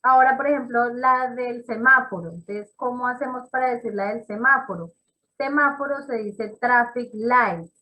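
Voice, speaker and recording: Woman teacher, bright and slightly high voice, unhurried, encouraging. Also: rough recording. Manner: encouraging, praises students by name; slow and explanatory, repeats examples. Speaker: English teacher. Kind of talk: classroom teaching.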